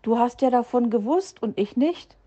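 A woman's voice: fairly high pitch, lively intonation, normal speed, mellow, muffled recording, pitched above the performer's own voice. A woman voicing a small, eager young male fox cub who complains earnestly. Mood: plaintive.

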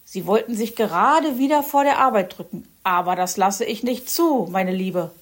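A woman's voice: medium pitch, lively intonation, normal speed, natural voice. A woman voicing a grumpy male fox who grumbles and bosses others around in a children's story. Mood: bossy. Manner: gruff, grumbling, bossy.

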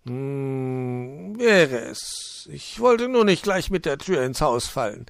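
Storybook fox woodcarver, male, excitable and easily rattled, quirky oaths; a man voices him, dry close sound. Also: mid-range voice, takes it slowly, creaky, no room sound, pitched above the performer's own voice, exaggerated voice. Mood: cheerful. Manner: exclaims quirky oaths, wails when hurt.

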